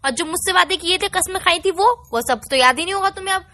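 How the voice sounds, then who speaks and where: Fast, high-pitched scolding woman. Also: sharp tone. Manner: angry, scolding and sarcastic. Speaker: girlfriend on a call. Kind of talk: acted couple phone call.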